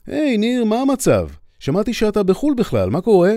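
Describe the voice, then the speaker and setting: A man voicing a hurried young male soldier friend talking on a bad phone line. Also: sits high, wildly swooping pitch, dark tone, no room sound, clean studio sound, pitched above the performer's own voice. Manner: hurried, incredulous.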